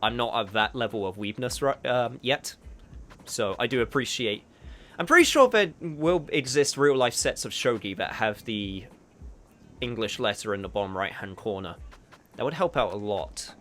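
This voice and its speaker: Soft music plays behind a man whose medium-pitched, slightly bright voice has lively intonation at a normal speed. He streams games and isn't a native Japanese speaker, thinking aloud about his moves, swearing here and there, and chatting with viewers.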